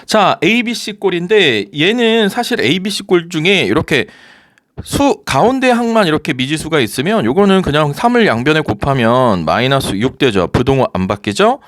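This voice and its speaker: Lively, coaxing male math teacher. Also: on the high side, normal speed, no room sound, clean studio sound. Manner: lively, coaxing, asks rhetorical questions. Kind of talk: recorded math lecture.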